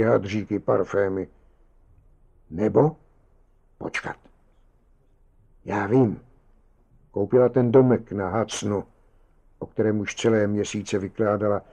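A guilt-ridden, hot-tempered middle-aged husband, as a male reader acts him out, quick to outrage. His voice is low with a warm, dark tone. It is told as an audiobook story. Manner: agitated, outraged exclamations. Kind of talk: audiobook reading.

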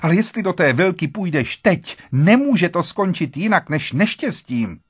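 A frightened young wife begging her husband in breathless urgency, put on by a man reading a story. Her voice sits higher than his own and climbs further as she pleads, lively and husky. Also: dry recording, clean studio sound, exaggerated voice. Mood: pleading, frightened.

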